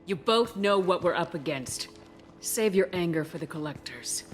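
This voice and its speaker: A woman voicing a level-headed military space commander in a video game, calm and authoritative. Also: on the low side, moderate pace, soft background music, lightly acted. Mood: commanding.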